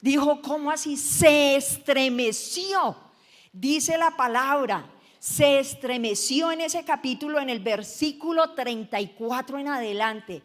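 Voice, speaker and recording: A woman pastor with a Colombian accent preaches in a high voice, retelling a story with humor and chatty asides to her congregation. Her voice echoes with a long reverb through the church hall. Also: takes it slowly. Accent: Colombian Spanish. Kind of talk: sermon.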